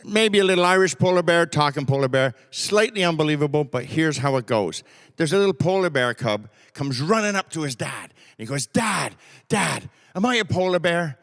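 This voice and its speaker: A man's voice: fairly high pitch, lively intonation, fairly quick, a bit bright, in a large hall. A man telling a joke to an audience from a stage, in a folksy, playful storytelling way.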